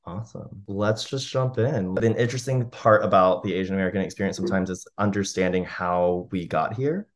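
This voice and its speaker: Male podcast host, lowish voice, upbeat, casual, filler-heavy delivery. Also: brisk, a little hiss or hum. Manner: upbeat, chatty, many "like"s.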